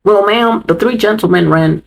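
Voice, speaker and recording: A pompous male security guard, as a man puts him on speaks with stiff officiousness, his voice nudged a little higher than normal. It stays rough and gravelly underneath. This is a casual storytime vlog impression. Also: moderate pace, low-quality recording. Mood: officious.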